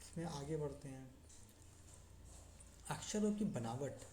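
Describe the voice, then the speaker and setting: A teacher giving a slow classroom lesson, repeating points and checking in as they explain. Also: mid-range voice, lively intonation, mellow. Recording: echoey room with faint noise.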